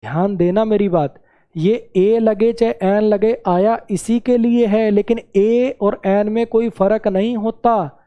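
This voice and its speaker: A man's voice: high voice, steady tone, slow pace, clear, resonant tone, muffled recording. A man teaching English grammar in a classroom-style lesson, repeating key words and checking that students follow.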